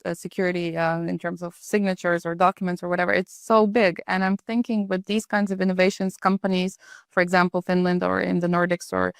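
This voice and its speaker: A woman's voice: on the low side, little pitch movement, a little fast, no room sound, studio quality. A woman from Bulgaria interviewing a guest in a conversational, curious way with some fillers. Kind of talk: business interview.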